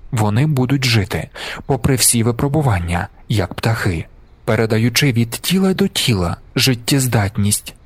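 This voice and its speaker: Male audiobook narrator, mid-pitched, measured and deliberate. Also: no echo. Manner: measured, slowing for emphasis. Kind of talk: scripted narration.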